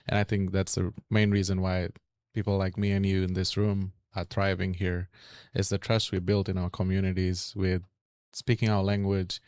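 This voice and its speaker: A man's voice: low-pitched, little pitch movement, moderate pace, darkish tone, smooth, no echo, studio quality. A man from Fiji with a Fiji Indian accent and Fiji Hindi as his first language, talking conversationally on a panel. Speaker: real estate agent and lender on a panel.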